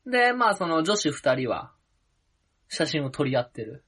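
A man's voice: fairly high pitch, big pitch swings, normal speed, a bit bright, slightly rough. A young man co-hosting a podcast, telling a long rambling story in casual chat and laughing often. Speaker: podcast co-host.

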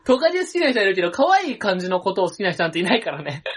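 A man's voice: high-pitched, very animated, very fast. A man in his twenties co-hosting a podcast, arguing his point in insistent, playfully stubborn banter. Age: 20s. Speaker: podcast co-host. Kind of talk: casual comedic banter.

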